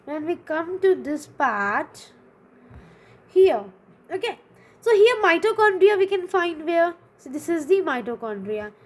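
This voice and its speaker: A woman with a high, light voice and an Indian English accent teaches a biology lesson, walking through each term patiently. She repeats important words and keeps asking "okay?" to check the listener follows. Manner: explains step by step, repeats key terms, checks in with "okay?".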